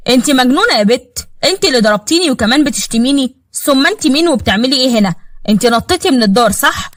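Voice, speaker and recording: Blunt mocking egyptian ex-cop guy, a woman reading him, fast talker, fairly high voice, dry sound. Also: animated, no room sound. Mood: irritated. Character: gruff young man, a former police officer.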